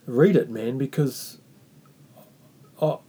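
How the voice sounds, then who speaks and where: A man from New Zealand with a Māori accent hosts a faith podcast in a mellow, relaxed tone. His pitch sits in the middle, and he speaks earnestly, often pausing and restarting as he reflects. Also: husky. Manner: earnest, halting, repeats and restarts phrases. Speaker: podcast host. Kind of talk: reflective faith talk with Māori greetings and prayer.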